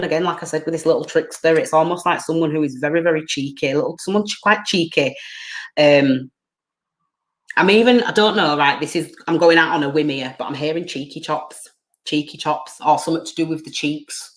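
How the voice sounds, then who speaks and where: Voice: medium pitch, a bit bright. A tarot reader giving a live-streamed reading, rambling, hunting for words and repeating themselves while giving earnest, direct advice to viewers.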